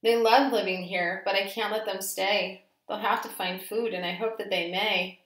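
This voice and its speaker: Lady doing an indignant old forest creature, scolding in storybook rhyme, higher pitched, roomy echo. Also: fairly even intonation, moderate pace, fairly bright tone, lightly acted. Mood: indignant, sorrowful. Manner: emphatic, scolding, rhyming speech.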